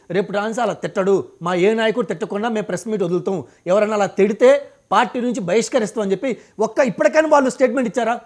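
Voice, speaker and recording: Man, very high pitch, quick delivery, heated political debate, combative. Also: a little mellow. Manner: combative, rapid-fire rhetorical questions. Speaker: debate panelist.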